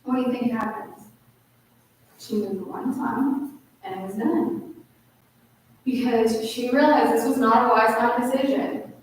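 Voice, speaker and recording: Lively woman presenter in an echoey hall. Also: on the high side, unhurried, long pauses. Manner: lively, casual, acts out client quotes. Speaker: therapist presenting a workshop. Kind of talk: conference workshop talk. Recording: echoey hall from far off, faint noise.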